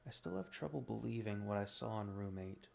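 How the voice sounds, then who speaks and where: A man narrating a scripted first-person horror story in a grave, haunting manner, with dramatic pauses. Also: on the low side, vocal fry, darkish tone, slight background noise. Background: guitar music.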